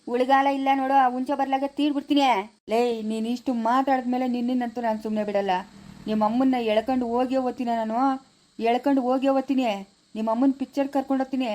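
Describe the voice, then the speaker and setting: A boastful, needling male caller, as a woman acts him out, talking in a Chikkaballapura Kannada accent. The voice sits high and mellow, rattling through repeated taunts at a fast clip. It belongs in a rustic family comedy skit. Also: fairly even intonation, close to an everyday voice. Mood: taunting. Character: rude pushy male prank caller, adult.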